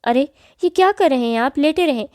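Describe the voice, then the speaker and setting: A woman's voice: high-pitched, lively intonation, darkish tone, no room sound, clean studio sound. A woman voicing a formal, cautious male hospital doctor in a storybook reading. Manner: formal, warning.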